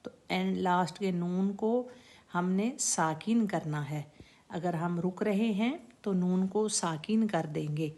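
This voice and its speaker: A woman leads a recitation lesson, speaking at an unhurried, deliberate pace. Her voice sits a little low. She patiently repeats each word and sound so learners can practise along. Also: darkish tone. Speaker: Quran recitation teacher. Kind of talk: slow instructional lesson with recited examples.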